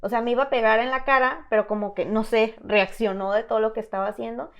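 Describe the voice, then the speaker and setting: A woman from Mexico telling her own story as a guest in an interview, halting and full of fillers and restarts. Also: a little high, steady tone, highs cut off. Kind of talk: personal testimony in an interview.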